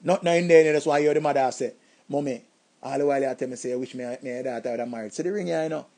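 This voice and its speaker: A man's voice: medium pitch, rapid-fire. A man with a Jamaican accent, telling comic stories about his past and acting out the voices of the people in them. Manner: animated, acts out voices, shouts and laughs. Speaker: comedic storyteller. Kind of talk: comic storytelling.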